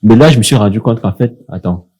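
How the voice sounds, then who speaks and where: A young man with a Cameroonian accent speaks in a low, dark, mellow voice. He co-hosts a relaxed podcast and tells his own story with animation and frequent laughter. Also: fast, breathy edge. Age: young adult. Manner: lively storytelling, laughs often. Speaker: podcast co-host. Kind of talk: casual podcast conversation.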